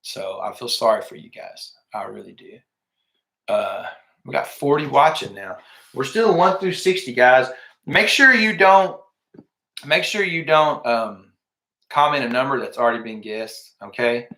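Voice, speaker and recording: A man's voice: mid-range voice, a little slow, bright, forceful tone. A man hosting a livestream giveaway, talking casually and directly to viewers and often repeating himself. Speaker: livestream host. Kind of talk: casual live giveaway announcing. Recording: echoey room.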